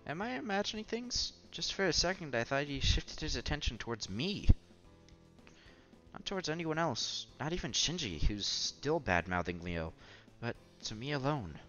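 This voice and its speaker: Here a let's play narrator voices a visual novel, breaking up the narration with his own wry comments. His voice sits a little high and swings widely in pitch, bright and forceful, at a moderate pace. Music runs underneath a slightly dull recording.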